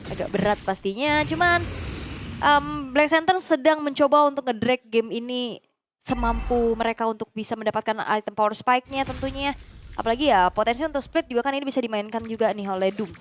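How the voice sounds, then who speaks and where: Female esports caster, high voice, conversational live commentary, faint noise behind. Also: fairly bright tone.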